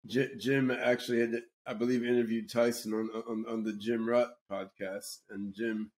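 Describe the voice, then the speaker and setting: In a relaxed podcast conversation, the male host speaks at a middle pitch with a flat, slightly mellow delivery. His introduction comes out haltingly, full of stumbles on repeated words and restarted sentences.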